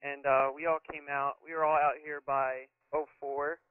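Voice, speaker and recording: A man's voice: fairly high pitch, flat delivery, moderate pace, clear, resonant tone, no room sound. Easygoing young man on a phone line. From New Jersey. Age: 20s. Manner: easygoing and casual, lots of ums and uhs. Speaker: band member, interview guest.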